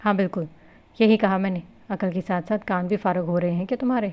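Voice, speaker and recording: Feisty, sharp-tongued young bride for a novel reading, voiced by the narrator. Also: female voice, medium pitch, fairly even intonation, muffled recording, lightly acted. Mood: taunting.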